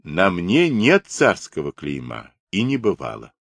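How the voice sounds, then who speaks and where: A man reading the part of a huge, proud runaway peasant who answers calmly and scornfully. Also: low voice, unhurried, vocal fry, no room sound, clean studio sound, heavily acted. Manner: calm, scornful, blunt replies.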